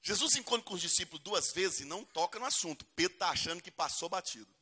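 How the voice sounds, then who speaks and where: Male pastor, sermon, bright high voice, long church reverb. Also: expressive, fast, breathy edge. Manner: humorous, acting out prayers in voices. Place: church hall.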